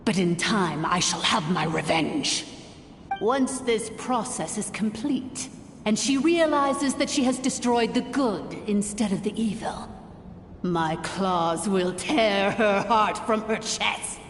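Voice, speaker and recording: A woman's voice: high voice, expressive, a little slow. A woman playing an arrogant, cruel dragon lord in a video game, speaking in a grandiose, contemptuous way. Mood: scheming contempt. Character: arrogant, cruel female almighty dragon lord, scornful villain. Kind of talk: theatrical video game villain acting. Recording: long echoing reverb, background noise.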